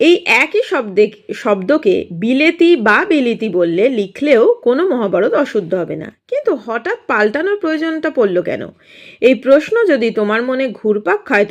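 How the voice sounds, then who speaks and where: A woman's voice, a little higher than most, leads a grammar lesson for students. She explains each point slowly and in small parts, then asks questions out loud. Her pitch rises and falls a great deal, with a lively, expressive sound. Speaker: teacher.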